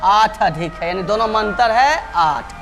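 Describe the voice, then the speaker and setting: Over music, a male math teacher works through problems step by step, going over each step twice and often addressing his students as dear children. His voice is high and his pace unhurried.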